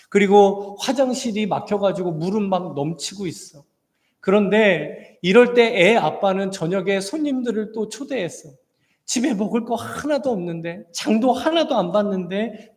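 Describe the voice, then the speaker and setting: A man's voice: sits high, a little mellow, natural voice. A man doing a tearful young woman. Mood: distressed. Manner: pleading, shaky. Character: tearful young woman, overwhelmed new mother. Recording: long church hall reverb.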